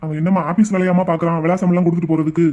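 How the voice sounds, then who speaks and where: Cartoon: a man playing a meek tea seller, quick and high-voiced, dull lo-fi sound. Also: flat delivery, mellow, close to an everyday voice. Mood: worried. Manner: pleading, fretful. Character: meek adult male tea shop owner. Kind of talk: cartoon voice acting.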